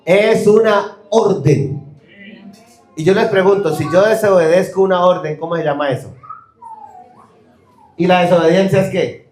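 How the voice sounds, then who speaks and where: High-voiced preacher in an echoey church. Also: male voice, brisk, pauses often, darkish tone, a little hiss or hum. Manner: emphatic, questions the congregation and acts out quoted excuses. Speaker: pastor. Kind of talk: sermon. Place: church hall.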